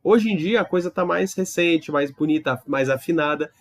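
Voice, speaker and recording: A man with a slightly raised pitch talks students through an online language lesson. He explains patiently, sounds things out slowly and keeps asking if they follow. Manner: explains patiently with many tag questions and demonstrations. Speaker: Hebrew teacher.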